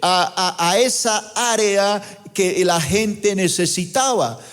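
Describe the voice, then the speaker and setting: A man's voice: high-pitched, lively intonation, takes it slowly, a bit bright. A male pastor preaching a sermon in a church auditorium, acting out dialogue with rising and falling emphasis. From Colombia. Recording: long hall reverb.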